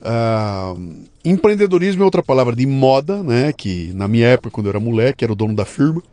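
A man's voice: mid-range voice, quick pace, no room sound, soft background music. A man with a Brazilian accent hosting a podcast interview, chatting casually and acting out little quoted asides. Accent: Brazilian Portuguese. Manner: animated, quotes people in little acted asides. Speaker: podcast host.

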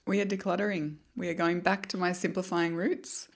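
A woman's voice: lowish voice, flat delivery, brisk. A woman hosting a podcast in a casual, conversational style. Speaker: podcast host. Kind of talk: casual chat.

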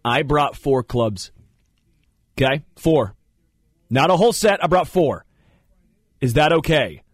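A man hosting a radio show from a studio, telling stories in a casual, animated way. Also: fairly high pitch, takes it slowly, breathy edge, no echo. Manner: animated storytelling, puts on voices. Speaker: radio host. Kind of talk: casual sports radio chat. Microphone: studio mic.

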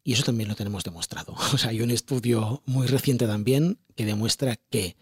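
A man with a Spain Spanish accent explains his ideas as an interview guest, chatty and animated. His voice is a bit husky, and he talks at a quick clip. The sound is dry and close. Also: medium pitch, dry recording. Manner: animated, chatty, asks rhetorical questions. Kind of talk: casual explanatory interview talk.

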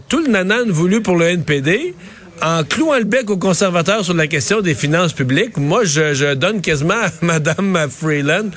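A man's voice: fairly high pitch, fairly bright tone. Chatty Québécois man commentator. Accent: Québécois French. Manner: quick, conversational, with many fillers. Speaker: political commentator and co-host. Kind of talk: news panel commentary.

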